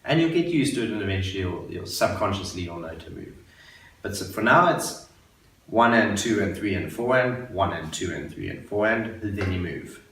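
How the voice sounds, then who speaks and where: A man's voice: low-pitched, lively intonation, a bit bright. A man giving a patient, step-by-step guitar lesson for beginners, counting beats and repeating each step. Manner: patient, explains slowly and repeats steps. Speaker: guitar teacher. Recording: very echoey room, voice a bit far from the mic, guitar playing.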